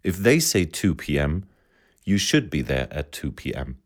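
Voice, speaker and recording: A man's voice: a bass voice, very animated, measured pace, exaggerated voice. An actor reading a scripted testimonial as a man from Ghana who earnestly explains a custom he had to get used to. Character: man from Ghana, talking about punctuality. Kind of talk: scripted testimonial for a listening test.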